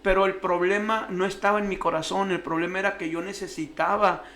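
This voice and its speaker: A man's voice: sits high, fairly even intonation, fairly quick, fairly bright tone. A man telling his life testimony as a radio guest, acting out the voices of the people in his story. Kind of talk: emotional personal testimony.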